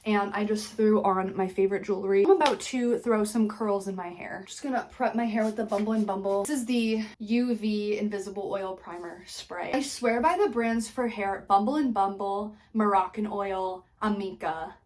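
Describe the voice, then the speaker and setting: A woman's voice: medium pitch, fairly even intonation, moderate pace, hardly any pauses, darkish tone. A young woman chatting casually through a home vlog, talking to the camera and filling her sentences with "like". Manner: chatty, says "like" a lot. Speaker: influencer vlogger. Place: home, bedroom and bathroom.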